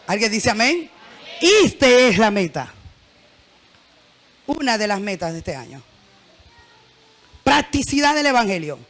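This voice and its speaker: A woman pastor preaching a sermon in church, lively and joking, often having the congregation repeat her phrases. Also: on the high side, measured pace, pauses often.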